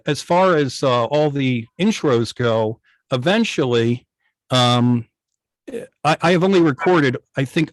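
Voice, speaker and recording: Speaking through a video call microphone in a dry recording, a man with a medium-pitched voice gives a casual technical explanation at an online club meeting. He is a guest who operates and programs a radio station, and his talk is hesitant with frequent repetition.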